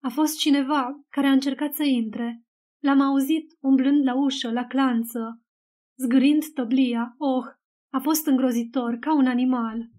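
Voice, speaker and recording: Femeie care citește o tânără îngrozită, vorbire agitată, voce înaltă și catifelată. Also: female voice, high-pitched, steady tone, darkish tone, natural voice. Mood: frightened. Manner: breathless and shaken. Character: frightened young woman.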